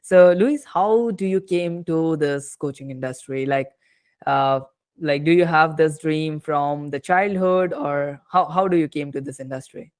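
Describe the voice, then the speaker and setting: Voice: medium pitch, measured pace, a little mellow, clean tone, dry recording. A podcast host opening an interview, eager and rambling, with many fillers and restarts.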